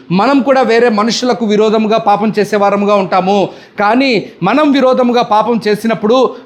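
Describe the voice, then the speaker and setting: This sermon comes from a man with a high-pitched voice and a Telugu accent. As a pastor, he frequently challenges the congregation with questions and presses them for answers.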